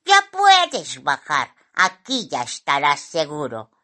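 A woman's voice: sits low, wildly swooping pitch, takes it slowly, sharp tone, exaggerated voice. A woman voicing an old, clever and sly female magpie in a storybook reading, with a bossy, teasing manner. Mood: friendly. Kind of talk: storybook narration.

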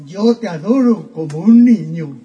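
A man's voice: high voice, expressive, measured pace, dark tone, far from the mic, highs cut off, pitched below the performer's own voice. A man playing a soaked, lovelorn young suitor who speaks in grandiloquent, mock-heroic verse. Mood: declaiming.

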